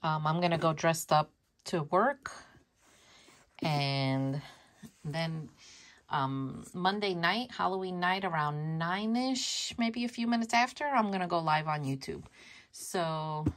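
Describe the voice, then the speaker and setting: Speaking slowly in a fairly low pitch, a woman whose native language is Spanish hosts a relaxed worm composting vlog from home. She's talkative and laughs at herself, repeating phrases as she shows her bin in a show-and-tell style.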